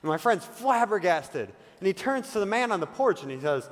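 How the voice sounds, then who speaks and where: A man's voice: high-pitched, sing-song, a little fast. A man hosting a live variety show as emcee, telling a joke in a playful way on stage in a large hall. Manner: playful, joking storyteller. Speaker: master of ceremonies. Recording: reverberant hall.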